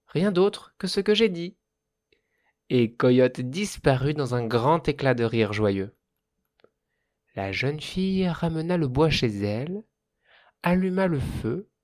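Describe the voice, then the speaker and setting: A man narrating a folk tale as a storyteller. His reading is calm and measured, in a voice of middle pitch. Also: no room sound, studio quality.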